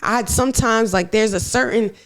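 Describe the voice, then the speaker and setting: A woman's voice: a little high, moderate pace. A woman guest on a casual podcast chat, talking in a hesitant, laid-back way and often trailing off.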